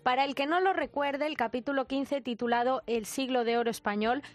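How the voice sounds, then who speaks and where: A woman's voice: high-pitched, fairly even intonation, a little fast. A woman with a Spanish accent from Spain presenting a semi-scripted feature.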